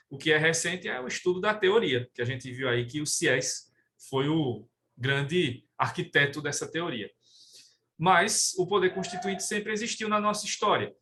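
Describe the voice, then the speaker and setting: A man's voice: on the high side, slight background noise. A man with a Brazilian Portuguese accent giving a recorded law lecture to his class, explaining steadily and often tagging sentences with a questioning "né?". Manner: steady explaining tone with frequent "né?" tags. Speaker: law professor.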